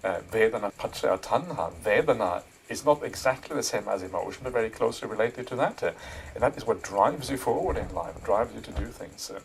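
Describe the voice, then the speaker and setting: A middle-aged man from Norway, a Buddhist monk answering interview questions thoughtfully, with many pauses and fillers. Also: lowish voice, expressive, creaky, slight background noise, low-quality recording. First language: Norwegian. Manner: thoughtful, frequent "uh" and "yeah", soft laughs. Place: monastery.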